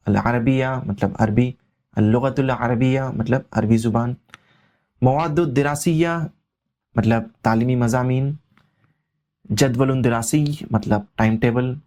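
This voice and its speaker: A man teaching a language lesson, translating each word and repeating its meaning in a steady, explanatory way. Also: medium pitch. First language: Urdu. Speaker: Arabic teacher. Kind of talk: explaining vocabulary line by line.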